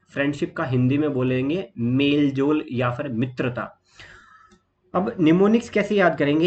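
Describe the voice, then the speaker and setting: A man with an Indian accent teaching exam vocabulary in a steady explanatory lesson, listing words and pausing on fillers. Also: fairly high pitch, lo-fi sound.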